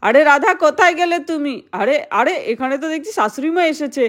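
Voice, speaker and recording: A woman voicing a polite, flustered son-in-law, speaking low and hesitantly. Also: fast talker, a bit bright. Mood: nervous polite.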